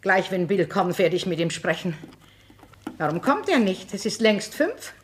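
A woman's voice: on the low side, big pitch swings, normal speed, slight background noise. An actress playing an elderly mother in a radio play, fussy about order and time, who grows tired. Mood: impatient. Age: older. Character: weary elderly mother visiting her daughter.

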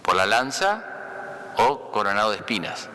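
A man, a priest, giving a conversational homily, often checking with listeners and pausing to restart phrases. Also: fairly low pitch, big pitch swings, bright, forceful tone, long reverb tail. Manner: conversational, asks "¿no?" for agreement; pauses and restarts mid-phrase. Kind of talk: spoken homily.

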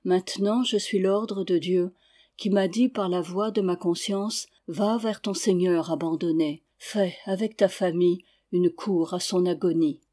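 An audiobook reader voicing an old, loyal knight who speaks gravely and respectfully. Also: mid-range voice, fairly even intonation, a little slow, warm tone, natural voice. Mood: solemn. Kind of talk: audiobook reading.

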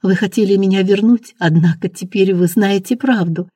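Reader plays terrified young maid with child; raised, strained voice, dark mellow tone. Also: mid-range voice, normal speed, husky, no echo, clean studio sound, close to an everyday voice. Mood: anguished. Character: frightened young pregnant maid, defiant.

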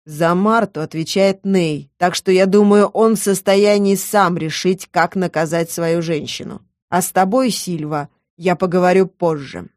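A woman's voice: lowish voice, steady tone, a little mellow, no room sound, studio quality, close to an everyday voice. A woman doing Mel, a stern male leader. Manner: gruff, slow, authoritative.

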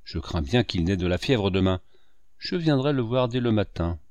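A man's voice: fairly low pitch, animated, normal speed, a little mellow, dry recording, close to an everyday voice. A man voicing a grave village priest. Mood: kindly. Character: gentle but firm older village priest. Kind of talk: audiobook character reading.

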